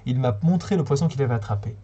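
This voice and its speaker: A man reading a short story aloud on a livestream, calm and steady with a few small slips. His voice is mellow and relaxed, with a slightly husky grain. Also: mid-range voice, fast. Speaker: reader.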